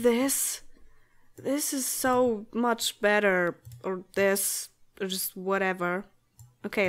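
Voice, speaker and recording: A woman in her late twenties, a native Polish speaker, giving chatty let's-play commentary in English, thinking aloud and giggling often. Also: mid-range voice. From Poland. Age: late 20s. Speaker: gaming channel host.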